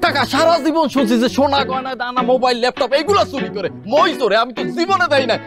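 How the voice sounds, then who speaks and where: An actor playing a loud, nosy village neighbor, chasing a thief. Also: male voice, very high-pitched, lively intonation, quick pace, over music. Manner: loud, jeering. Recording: echoey, from far off.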